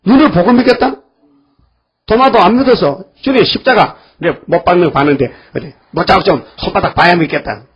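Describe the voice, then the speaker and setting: Husky high-voiced older preacher, folksy. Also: male voice, fairly quick. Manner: folksy, scolding, acts out voices of biblical figures. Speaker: pastor. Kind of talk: sermon. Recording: dull lo-fi church recording.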